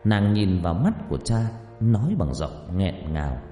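A man narrating a story in an expressive, dramatic reading style. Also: low voice, normal speed. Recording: echoey reverb, faint music behind.

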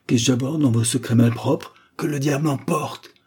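A man's voice: mid-range voice, moderate pace, dark tone, breathy edge, natural voice. A man voicing a bitter, grieving male doctor who lashes out indignantly, hammering each word. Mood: furious, contemptuous.

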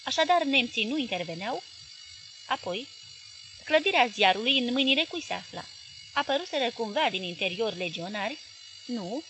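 A woman narrating a literary novel as an audiobook, reading in a measured, expressive way. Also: fairly high pitch, a little hiss or hum, rough recording.

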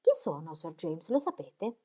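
A sharp-tongued gossiping lady, as a woman reading puts her on, tossing off teasing, mocking remarks. Her voice rides a little higher than the reader's own, storybook style. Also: big pitch swings, measured pace, breathy edge, exaggerated voice.

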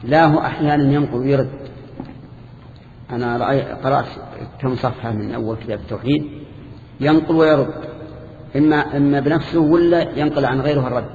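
An older man teaching a lesson to students, explaining a classical text in a measured way with restarts and questions to the class. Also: mid-range voice, steady tone, vocal fry. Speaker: teacher of Islamic creed. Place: lecture hall with students. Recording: echoey hall, dull lo-fi tape with faint hiss.

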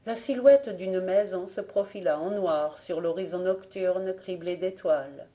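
A woman reading an old folk tale aloud for an audiobook in an even, measured manner. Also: on the low side. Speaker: audiobook reader.

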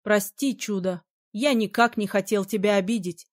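A woman's voice: mid-range voice, fairly even intonation, moderate pace, no room sound, studio quality, natural voice. A woman reading the lines of a domineering male battle mage, commanding and silky by turns. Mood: softened. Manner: commanding, then silky and menacing.

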